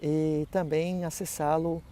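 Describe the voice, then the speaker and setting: A middle-aged man whose first language is Portuguese teaches German, chatting about how his online courses work with plenty of fillers and tag questions. His voice is a little high and mellow, and he speaks slowly with a flat delivery.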